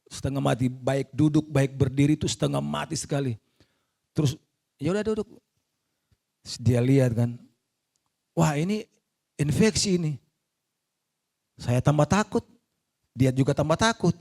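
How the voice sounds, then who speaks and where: A man's voice: mid-range voice, moderate pace, vocal fry, long pauses, a little mellow. A middle-aged man, a pastor, telling a personal testimony in a conversational sermon and acting out the voices he quotes.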